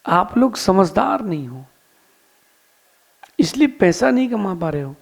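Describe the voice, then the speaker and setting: A man with a high-pitched voice and a gravelly edge delivers a sermon as a Jain monk. He tells a story, voicing the characters' lines, then turns to plain advice for his listeners. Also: big pitch swings, a little slow.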